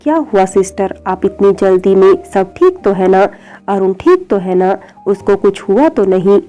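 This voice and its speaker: A woman's voice: medium pitch, animated, measured pace, mellow, dull audio, soft background music, natural voice. A woman voicing a tearful, anxious young wife. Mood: panicked. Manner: pleading, tearful.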